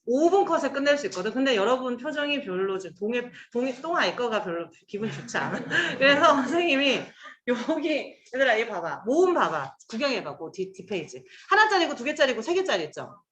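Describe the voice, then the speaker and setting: A woman's voice: a little high, sing-song, fairly quick, a bit bright, roomy sound. A woman teacher giving a casual Chinese pronunciation lesson, chatty and coaxing, drilling sounds aloud with her students.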